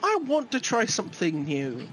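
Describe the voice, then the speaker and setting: A man's voice: sits high, huge pitch swings, moderate pace, fairly bright tone, a little hiss or hum, low-quality recording. A man playing a tabletop game, chatting casually in and out of character.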